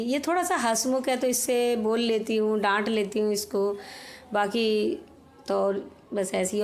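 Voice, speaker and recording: A woman's voice: medium pitch, darkish tone. Chatty Hindi-speaking home vlogger woman. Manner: chatty, homely, explains while working. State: slightly sore throat. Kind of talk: casual voice-over narration.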